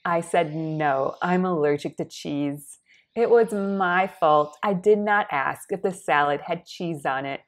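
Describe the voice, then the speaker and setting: Slow, congested young woman vlogger. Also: fairly low pitch. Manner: slow, careful, plainly worded delivery, often clearing her throat. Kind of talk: scripted personal storytelling. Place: indoors against a plain wall.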